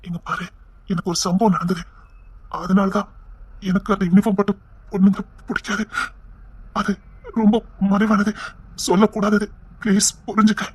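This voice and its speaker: A man with a Tirunelveli accent playing a young husband who talks softly and apologetically in a family drama. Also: level tone, normal speed, pauses often, slightly rough, no echo. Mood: remorseful. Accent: Tirunelveli Tamil. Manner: soft, apologetic, low-voiced.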